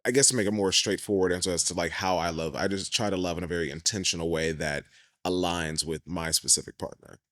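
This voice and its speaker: A man co-hosting a podcast in casual chat, speaking in a thoughtful, measured way. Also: sits low, fairly even intonation, fairly bright tone, dry recording, clean studio sound. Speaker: podcast co-host.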